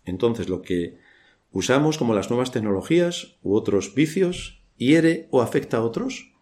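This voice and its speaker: A man's voice: mid-range voice, expressive, moderate pace, a little mellow. A man from Spain with a Spanish accent preaching a church sermon, asking rhetorical questions and adding dry ironic asides.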